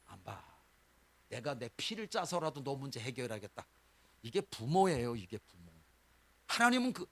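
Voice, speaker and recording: A man preaching a sermon in a church. He talks in loud, high bursts that drop to quiet, low lines. He also acts out the voices of believers and of God. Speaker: pastor.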